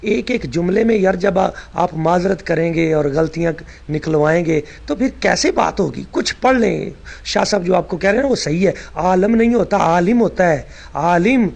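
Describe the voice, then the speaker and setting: A man's voice: high voice, lively intonation, creaky, hardly any pauses. A man in a voice-message debate, correcting recitation errors and scolding with rising heat. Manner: heated, scolding, rises into shouting rebukes.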